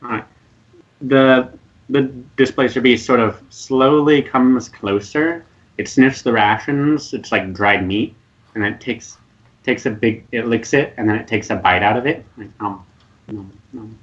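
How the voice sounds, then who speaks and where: Man, game master, hesitant narration, mid pitch, lo-fi audio. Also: measured pace. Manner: relaxed, hesitant narration with fillers.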